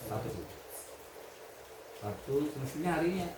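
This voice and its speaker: A man leading a religious lesson for students, reading Arabic text, explaining it and quizzing his class in a lively way. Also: mid-range voice, brisk. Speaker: pesantren leader teaching students. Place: hall at a pesantren. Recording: echoey room with background noise.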